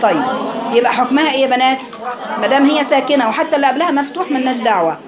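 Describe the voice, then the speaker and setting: A high-pitched woman with an Egyptian accent leads a recitation lesson in a classroom. She fires questions at her students and sounds out words slowly for them to repeat. A steady murmur of a crowded room runs underneath her voice. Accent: Egyptian Arabic. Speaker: Quran recitation teacher. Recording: crowd noise behind.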